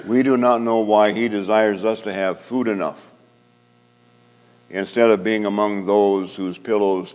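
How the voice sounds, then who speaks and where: A man preaching as a pastor and giving a benediction into a pulpit microphone, with measured, solemn liturgical delivery. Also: low-pitched, darkish tone. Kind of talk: sermon and benediction. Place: church sanctuary. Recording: long church hall reverb.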